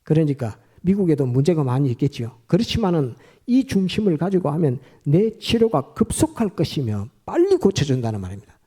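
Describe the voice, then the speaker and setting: A male pastor giving a Sunday morning sermon, halting with frequent "uh" fillers and having the congregation repeat phrases after him. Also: fairly high pitch, wildly swooping pitch, mellow, slightly rough.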